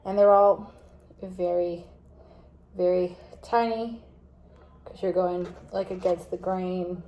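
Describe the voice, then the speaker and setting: A woman's voice: on the low side, steady tone, takes it slowly, lo-fi sound. A woman vlogger chatting casually while cooking at home, rambling with lots of fillers. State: teary from chopping onions. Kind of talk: casual cooking vlog chat. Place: home kitchen.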